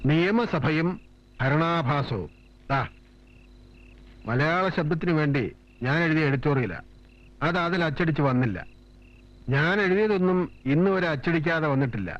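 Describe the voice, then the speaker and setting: An actor playing a proud, wounded older newspaper editor and father, speaking in a dignified, measured way. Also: a little high, animated. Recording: dull film soundtrack with soft music.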